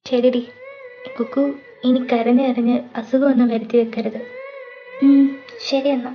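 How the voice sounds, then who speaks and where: A woman's voice: fairly high pitch, flat delivery, a little slow, lo-fi sound, soft background music. A woman voicing the characters of an amateur audio drama, delivering the dialogue in an earnest, emotional way.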